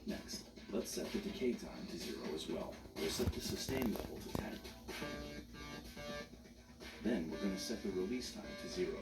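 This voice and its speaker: A man giving scripted, step-by-step instruction in a measured, explanatory manner. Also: sits low, animated. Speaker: instructor, tutorial narrator. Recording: roomy, distant mic, music behind.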